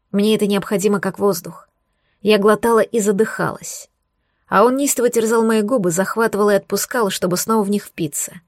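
A woman's voice: mid-range voice, a little mellow, no room sound, clean studio sound. Woman narrating a romance audiobook. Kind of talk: first-person scripted narration.

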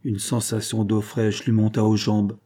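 Low husky male storyteller. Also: completely flat delivery, unhurried, dark tone. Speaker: audiobook reader. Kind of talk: scripted narration of a novel.

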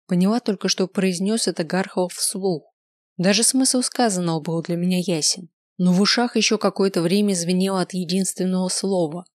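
A woman's voice: lowish voice, steady tone, moderate pace, a little mellow, no echo, studio quality. Woman reading a first-person audiobook. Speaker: audiobook narrator.

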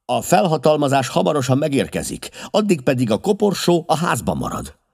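Sherlock Holmes, voiced by a husky-voiced man, urgent and commanding. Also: deep voice, huge pitch swings, a little mellow, no room sound, studio quality, voice pushed up, full character voice. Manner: urgent, barking orders. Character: brilliant, restless male detective, commanding.

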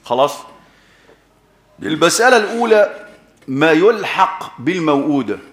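A man's voice: a little high, fairly bright tone, echoey room. An Egyptian man preaching a sermon with an Egyptian accent, emphatic, repeating key words and quizzing his listeners.

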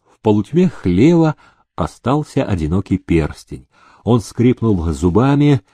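A man reads a historical novel aloud, slow and measured, with a low, dark voice. His intonation moves widely and expressively. The recording is dry and close, made at a studio mic. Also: big pitch swings, breathy edge, no echo. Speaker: audiobook narrator. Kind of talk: scripted narration of a historical novel.

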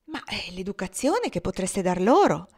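A woman's voice: medium pitch, sing-song, normal speed, a little mellow, breathy edge. Woman reading as earnest strict spinster. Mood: earnest, indignant. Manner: earnest, questioning. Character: earnest strict middle-aged spinster, morally shocked.

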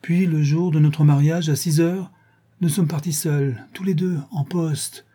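A man's voice: a little high, fairly even intonation, a little slow, warm tone, breathy edge, pitched above the performer's own voice. A man reading Gaston, a pleading jealous husband. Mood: nostalgic. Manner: insistent, nostalgic, self-righteous. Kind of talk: audiobook character reading.

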